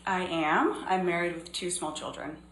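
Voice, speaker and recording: Low-pitched woman witness in her 30s, measured and earnest, echoey courtroom recording with faint hiss. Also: steady tone, a bit bright. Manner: measured, earnest, pausing often. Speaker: trial witness. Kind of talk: courtroom testimony.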